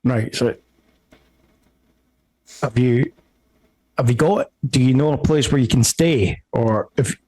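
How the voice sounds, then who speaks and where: A grumpy seventy-year-old father on the phone, as a man puts him on for a tabletop game. He talks slowly, halting and stumbling over fillers, in a middle-pitched everyday voice. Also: mellow, no echo, rough recording. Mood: worried. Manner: slow, hesitant, full of fillers.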